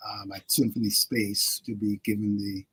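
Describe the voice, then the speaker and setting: A man's voice: fairly low pitch, little pitch movement, moderate pace, a bit bright, husky. An older man from Guyana, a guest on a radio talk show, telling stories reflectively with frequent laughs and fillers. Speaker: actor and guest. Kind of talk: radio interview storytelling.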